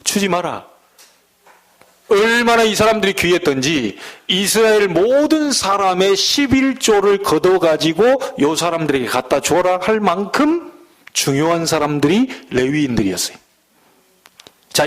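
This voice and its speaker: A middle-aged man from the Jeolla region preaching a sermon as pastor, folksy, with loud emphatic peaks and low asides. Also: animated, normal speed. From Jeolla, Korea.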